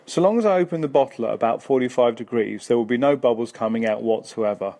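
A man phones in to a radio show with a recorded question. He tells a short anecdote before asking it. His voice is mellow and dark. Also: mid-range voice, fast. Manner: storytelling, then questioning. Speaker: caller.

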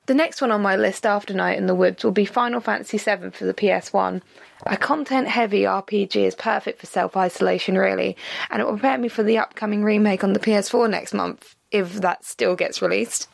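A woman in her twenties with a croaky, froggy, sore-throat voice, giving a spoken report as a games reviewer. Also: mid-range voice, fairly even intonation, a little fast, no echo. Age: 20s.

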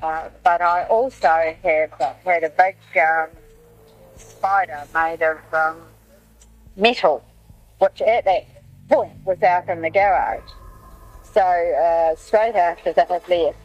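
A middle-aged woman heard on an old dictaphone recording made in a noisy cafe, recounting events in a halting way with many "uh"s and "um"s. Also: fairly low pitch, soft background music. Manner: hesitant, halting with frequent "uh" and "um". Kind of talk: recounting past events in an interview. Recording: lo-fi dictaphone tape.

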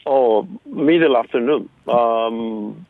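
A man's voice: mid-range voice, takes it slowly, gravelly, no echo. Argentine man on a phone line. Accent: Argentine Spanish. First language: Spanish. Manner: hesitant, many fillers and restarts. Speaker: guest, local rugby supporter. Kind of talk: radio interview.

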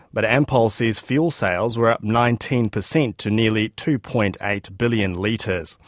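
A man's voice: lowish voice, no echo. New Zealand newsreader, dry studio sound, male. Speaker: business news presenter. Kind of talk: scripted news reading with interview links.

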